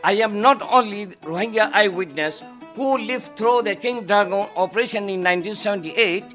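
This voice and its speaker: A man reading a first-person testimony as a steady voice-over. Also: sits high, normal speed, soft background music.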